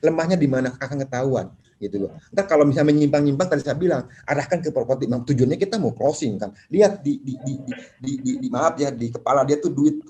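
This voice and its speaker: A man speaking at a property seminar, animated, acting out clients in quick voices. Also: a little high. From Indonesia. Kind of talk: lively seminar talk.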